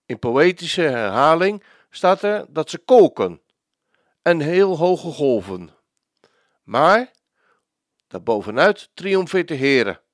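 A man preaching a devotional sermon, slow and emphatic, with dramatic pauses. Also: a little high, a bit bright, dry recording, studio quality.

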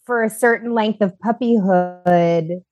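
Unhurried woman host, gentle and encouraging. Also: mid-range voice, no room sound, highs cut off. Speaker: podcast host. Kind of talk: interview chat.

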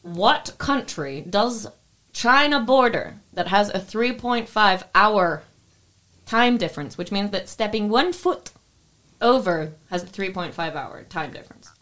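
A woman's voice: medium pitch, animated, unhurried, fairly bright tone. A young woman co-hosting a podcast, chatting in a casual, tipsy way, swearing lightly and laughing easily. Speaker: podcast co-host. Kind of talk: casual chat.

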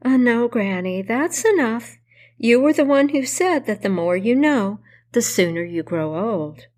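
A woman voicing a polite, humble young girl, speaking gently in a slightly raised voice. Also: fairly high pitch, animated, unhurried.

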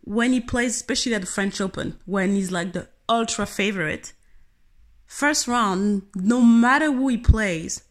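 A woman's voice: medium pitch, unhurried. Earnest woman giving a motivational talk. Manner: earnest, animated, speaks directly to the listener. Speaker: tennis coach.

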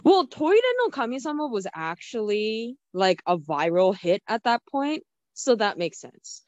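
A woman co-hosting a casual chat, opinionated and quick, on a dull lo-fi recording. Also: medium pitch, sing-song, darkish tone, dry recording. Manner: opinionated, quick, laughs easily. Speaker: podcast co-host. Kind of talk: casual chat about Japanese pop music. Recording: dull lo-fi sound.

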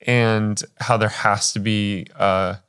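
A man's voice: lowish voice, steady tone, slow, a bit bright, smooth. A man co-hosting a church podcast, joking and talking through his thoughts in a casual chat. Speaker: podcast co-host and pastor.

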